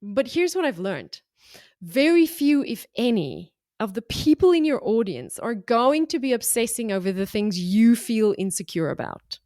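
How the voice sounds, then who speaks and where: Her voice runs on the high side and sing-song, at normal speed with a darkish tone, in a clean studio recording without echo. She's a middle-aged business coach from South Africa, her accent mixing South African and Australian, giving business owners frank, punchy encouragement on her solo podcast.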